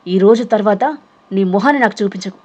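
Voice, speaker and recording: A woman voicing a hard-hearted middle-aged mother who scolds and shouts in an audio novel reading. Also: mid-range voice, fairly quick, natural voice. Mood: shouting. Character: cruel harsh stepmother, middle-aged, hateful.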